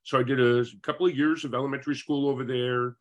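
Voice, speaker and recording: A man's voice: mid-range voice, steady tone, quick pace. A man in his fifties from Northern California, a guest telling his life story in a friendly, rambling way over a video call. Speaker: interview guest.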